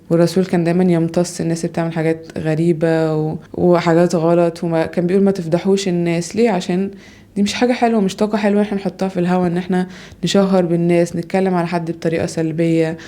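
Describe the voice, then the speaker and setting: A young Egyptian woman talks at a rapid clip in a rambling, self-doubting monologue at home. Her voice sits low and mellow and barely rises or falls. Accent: Egyptian Arabic. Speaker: podcaster, mother. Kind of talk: casual personal monologue.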